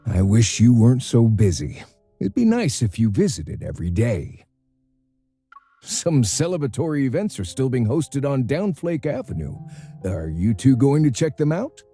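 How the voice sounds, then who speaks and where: A husky, very lilting, sociable game doctor, the kind of host who wishes guests would drop by every day. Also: male voice, medium pitch, wildly swooping pitch, normal speed, mellow, heavily acted. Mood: fond, welcoming. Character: friendly, sociable male doctor, wistful host. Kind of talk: video game voice acting. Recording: music under the voice.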